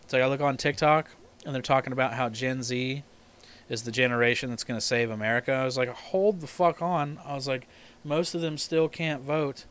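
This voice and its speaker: A man's voice: mid-range voice, steady tone, a little fast, fairly bright tone, smooth. A man in his twenties chatting casually on a live stream, rambling and swearing, laughing often. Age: 20s. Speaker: podcast host. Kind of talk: casual chat.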